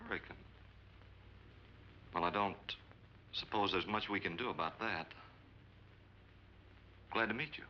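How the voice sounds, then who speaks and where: A man's voice: fairly low pitch, a little slow, long pauses, close to an everyday voice. An actor playing an absent-minded male lab assistant who speaks in a detached, terse way. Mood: distracted. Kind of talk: 1950s film acting. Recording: dull old soundtrack with faint background noise.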